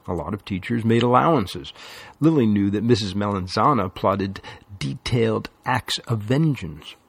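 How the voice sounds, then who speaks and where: Gravelly guy reading an audiobook, measured, super dry close sound. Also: lowish voice, lively intonation, no room sound. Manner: measured storytelling. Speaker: audiobook narrator. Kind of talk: scripted narration.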